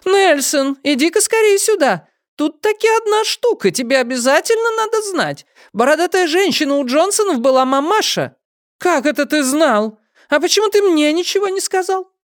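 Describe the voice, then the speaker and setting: A man's voice: sing-song, normal speed, no room sound, studio quality. A man reading an audiobook and voicing an older mother who complains, guilt-trips and dramatizes everything. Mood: excited. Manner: shrill, complaining, melodramatic. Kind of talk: audiobook character voice.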